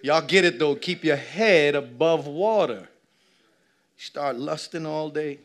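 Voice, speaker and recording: A man in his thirties preaching a lively sermon on a church stage, swinging from shouts to low asides and acting out little scenes. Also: unhurried. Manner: animated preaching, shifting between loud shouts and low asides. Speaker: pastor. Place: church stage with a seated audience.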